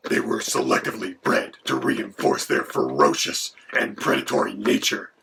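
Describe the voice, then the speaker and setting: Man playing a low, gravelly dragon co-host, whispery and menacing, rises and falls a lot, background noise. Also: very animated, normal speed, a bit bright, heavily acted. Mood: matter-of-fact. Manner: mock-menacing, then lecturing in turn with the host.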